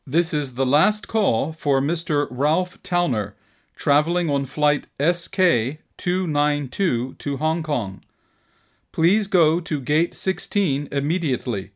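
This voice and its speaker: A man reading numbered airport announcements for a listening exercise, in a formal, clear way. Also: fairly high pitch, animated, slow pace.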